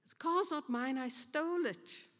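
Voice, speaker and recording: A woman preacher voicing a sly, sweet old lady of eighty-five who tells deadpan tall tales, recorded in an echoey hall. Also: high-pitched, a little slow, voice pushed up. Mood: sweetly deadpan.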